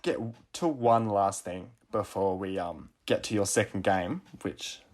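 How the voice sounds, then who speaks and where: A man's voice: sits low, a little slow. A young man with an Australian accent co-hosting a podcast, telling stories with mock indignation. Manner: chatty, mock-indignant storytelling. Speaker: podcast co-host. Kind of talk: casual chat.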